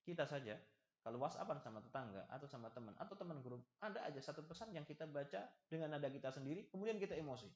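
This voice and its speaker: Male preacher for a lecture: animated, joking, acts out small dialogues; slightly high voice, echoey muffled room. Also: quick pace. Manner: lively, acts out little dialogues and jokes with the audience. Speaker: preacher giving a study lesson. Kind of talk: religious study lecture. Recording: echoey, slightly dull hall recording.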